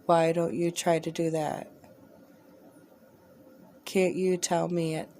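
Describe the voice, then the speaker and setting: A woman hosting a spirit box session, talking in a rambling, halting, exasperated way as she addresses spirits. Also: fairly low pitch, little pitch movement, mellow, slight background noise.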